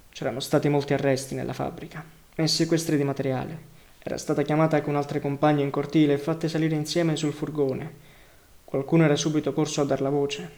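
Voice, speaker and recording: A man narrating a novel as an audiobook reader, measured and even. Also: fairly high pitch. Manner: measured, even literary reading. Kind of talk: novel reading.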